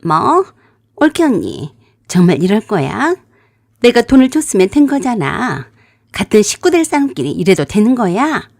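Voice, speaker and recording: A woman's voice: medium pitch, sing-song, normal speed, creaky, darkish tone, no echo, clean studio sound. A woman voicing a brazen, shameless young woman swindler with a whiny manner.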